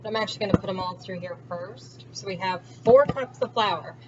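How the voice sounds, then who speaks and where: Her voice is mid-range and a little fast as she hosts a home cooking vlog, chatting informally and thinking aloud while she cooks. Picked up by a camera on the counter some distance away, the sound is dull and remote, with loud noise in the background.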